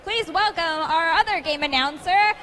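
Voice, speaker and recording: A woman introduces competitors as a live emcee in a fighting game announcer style. Her voice is extremely high and forceful, with some event noise behind it. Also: normal speed.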